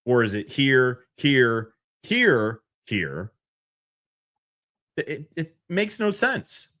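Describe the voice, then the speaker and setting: A man's voice: medium pitch, very slow. A man co-hosting a podcast, casual sports talk, arguing his point with business comparisons. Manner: lively, animated, argues with business analogies. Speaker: podcast co-host.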